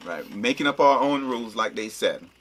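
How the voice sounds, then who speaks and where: Male vlog co-host, husky and very animated, casual banter while eating candy jelly beans. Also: medium pitch, moderate pace. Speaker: vlog co-host playing a taste challenge. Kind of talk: casual playful challenge chat.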